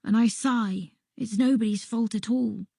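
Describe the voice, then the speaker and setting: A woman reading a first-person children's story aloud in a soft, unhurried voice that sometimes drops to a whisper. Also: a little high, fairly even intonation, gravelly, no room sound, clean studio sound. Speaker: audiobook reader.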